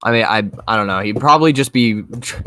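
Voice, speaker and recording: A man's voice: lowish voice, fast, a bit bright, dry recording. A man playing in a tabletop game, chatting casually, often swearing and distracted while eating. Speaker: player.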